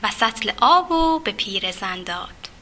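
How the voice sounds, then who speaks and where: A woman storyteller reading a fairy tale to children, expressive and talking to them directly. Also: medium pitch.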